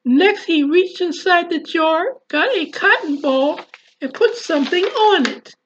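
Slow, high-voiced woman author. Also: lively intonation, a little hiss or hum. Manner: slow, deliberate, spells words out. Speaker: author and speaker. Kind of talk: reading a memoir, then a presentation. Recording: dull lo-fi recording.

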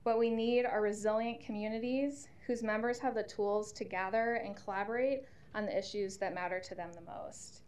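A woman's voice: mid-range voice, moderate pace, few pauses. Earnest woman testifying at a council podium. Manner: steady, earnest advocacy. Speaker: nonprofit CEO testifying. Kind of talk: reading a prepared statement. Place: council chamber. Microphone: podium microphone.

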